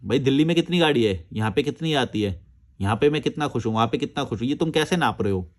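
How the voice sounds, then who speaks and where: A man's voice: medium pitch, animated, fast. Blunt man rebutting viewer comments. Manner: blunt, argumentative, reads comments aloud then rebuts. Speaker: vlogger answering viewer comments. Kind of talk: casual chat. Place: outdoors.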